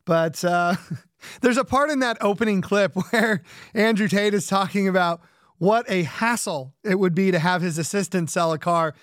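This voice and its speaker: A man's voice: high voice, normal speed, no echo, studio quality. A man hosting a podcast, rambling casually with lots of fillers, joking about himself and laughing often. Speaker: podcast host.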